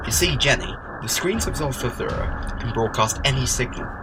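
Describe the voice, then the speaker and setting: An actor playing a quick-witted, defiant time-travelling hero in an audio drama, with a wry, theatrical, explanatory way of talking. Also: male voice, medium pitch, animated, very noisy, close to an everyday voice. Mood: earnest explaining. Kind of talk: fan audio drama acting.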